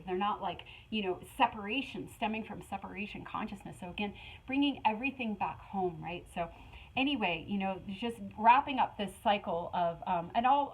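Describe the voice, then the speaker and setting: A middle-aged woman giving a casual spiritual tarot reading, talking in an animated, rambling way with many fillers. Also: fairly low pitch, poor audio. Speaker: tarot reader.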